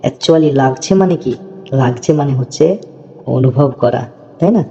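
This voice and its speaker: A man teaching English phrases in a slow, patient lesson, repeating words and checking that his students follow. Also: medium pitch, warm tone, slight background noise. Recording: dull lo-fi audio with long reverb.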